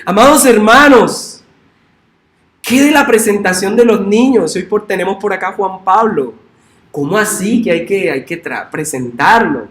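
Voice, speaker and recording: A male pastor preaching a sermon in a church, emphatic and swinging up into loud, high exclamations. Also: lively intonation, measured pace, reverberant. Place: church sanctuary.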